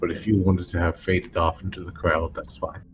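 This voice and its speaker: His low-pitched, level voice dropping in and out on a poor voice-call connection, a tabletop game master narrates haltingly and slowly, with long pauses as he builds the scene. He's using a headset or desk mic.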